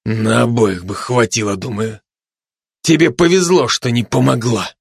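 A man voicing a gruff male commando dog who talks curtly and sternly. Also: medium pitch, unhurried, no room sound, clean studio sound.

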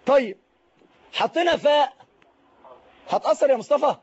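High-voiced Egyptian teacher explaining grammar. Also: male voice, animated, normal speed, muffled recording. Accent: Egyptian Arabic. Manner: explains step by step, asks and answers own questions. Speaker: Arabic teacher. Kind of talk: live online grammar lesson.

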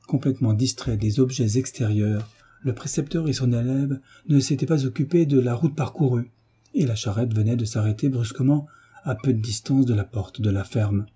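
A man reading a classic novel aloud in a dark, husky voice. His narration is measured and steady. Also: mid-range voice. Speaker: audiobook narrator. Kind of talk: literary reading.

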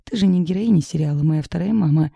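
A woman's voice: on the low side, fast talker, gravelly, warm tone, husky, dry recording, highs cut off, heavily acted. A woman reading the part of a blunt, sarcastic young woman who works as a lawyer, in an audiobook. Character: sharp-tongued young woman lawyer friend.

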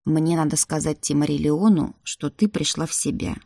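A woman voicing a young man, a rector and protective brother, in a low, husky half-whisper, reading a storybook aloud. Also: moderate pace, warm tone, no room sound, clean studio sound. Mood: calm. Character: rector Holver, young brother, gruff but kind.

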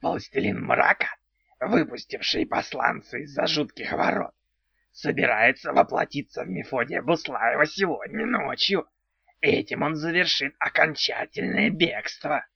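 An impish male house spirit from a storybook drawls his words slowly and strangely, always naming himself in the third person, as a man puts him on. His voice is gravelly and dry. The recording sounds dull and lo-fi. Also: on the high side, lively intonation, sharp tone, no room sound, full character voice. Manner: slow, odd, talks of himself in third person. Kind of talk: audiobook character voice.

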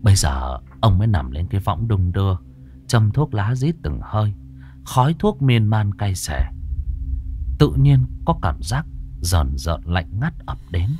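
Lively low-voiced male ghost storyteller. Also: faint music behind. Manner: measured, dramatic storytelling.

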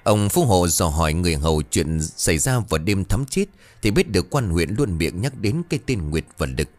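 A man narrating a ghost story in a dramatic, expressive reading. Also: low voice, fairly quick, dry recording, soft background music.

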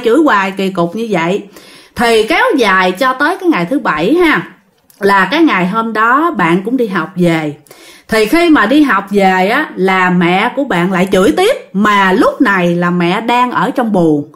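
A woman's voice: mid-range voice, fairly bright tone. A woman telling a ghost story casually, chatty and repetitive, speaking straight to her listeners.

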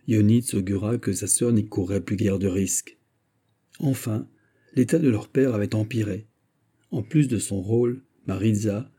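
A man reading a literary story aloud in a measured, steady audiobook narration with a husky voice. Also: on the low side. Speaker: audiobook reader.

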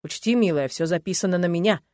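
A woman reading an audiobook, voicing a domineering noble husband with calm menace that turns to hissing rage. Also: lowish voice, fast talker, dry recording, studio quality, lightly acted. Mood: cold threat. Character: cold, domineering noble husband, adult man.

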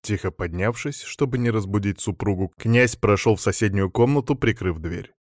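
A man narrating an audiobook in a measured storytelling manner. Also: lowish voice, dry recording, studio quality. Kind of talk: scripted narration.

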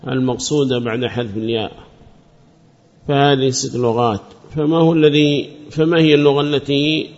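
Man, teacher, classroom grammar lesson, quizzes students, repeats rules, muffled lo-fi sound. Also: mid-range voice. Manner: quizzes students by name and praises answers; repeats and restates points patiently. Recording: muffled lo-fi recording.

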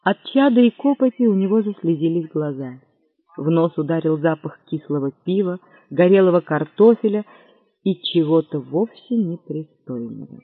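A man reading a story aloud as narrator in a measured, storytelling way. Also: a little high, animated, husky, dry recording. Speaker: audiobook narrator. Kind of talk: scripted narration. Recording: dry, tinny narrow-band audio.

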